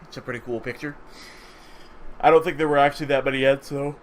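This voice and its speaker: A man casually commentating a strategy game at home, relaxed and rambling, thinking aloud, a bit sleepy. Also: medium pitch, fast. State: sleepy, just woke up. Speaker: gaming channel host. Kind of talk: casual let's-play commentary.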